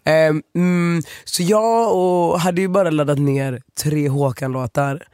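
A man's voice: fairly high pitch, darkish tone, clean tone, dry recording, studio quality. A man co-hosting a radio show, telling stories in a rambling way with many fillers. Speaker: radio co-host. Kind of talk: casual radio chat.

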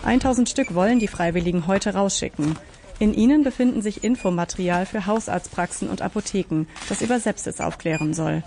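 Woman, radio reporter, scripted news report, calm and measured, mid-pitched. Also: slight background noise.

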